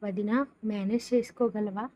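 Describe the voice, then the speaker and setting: A woman's voice: medium pitch, steady tone, normal speed, mellow, dry recording, close to an everyday voice. A woman narrator voicing a young father who speaks tersely and seriously. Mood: curt. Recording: dull lo-fi sound.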